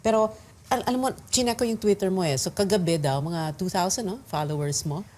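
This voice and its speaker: A woman's voice: lowish voice, quick pace, darkish tone. A woman with a Filipino accent anchoring news and interviewing a guest in a studio, chatty and switching between English and Tagalog.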